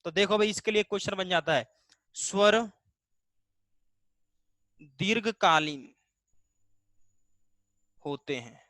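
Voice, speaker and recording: Bright-voiced male Hindi teacher. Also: high-pitched, expressive, slow, long pauses, no room sound. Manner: explains step by step, often asking students questions; stretches vowel sounds to demonstrate them. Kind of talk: live online class lecture.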